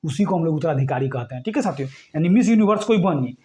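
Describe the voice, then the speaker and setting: A man's voice: fairly high pitch, lively intonation, quick pace, dark tone. A man teaching an exam-prep lesson, repeating points and checking in with the class. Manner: repetitive, keeps checking "ठीक है?" with listeners.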